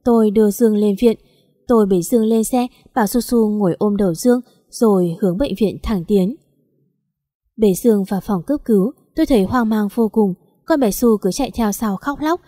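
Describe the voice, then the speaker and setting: A woman reading a first-person story aloud in a calm, even storytelling manner. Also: medium pitch, normal speed, no echo, clean studio sound. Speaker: story narrator. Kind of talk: scripted story narration.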